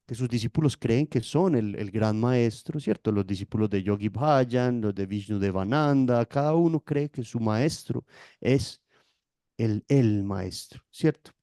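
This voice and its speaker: Male yoga teacher, guest, mellow and dry, lecturing with tag questions. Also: mid-range voice, a little slow, dry recording. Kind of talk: explanatory interview talk.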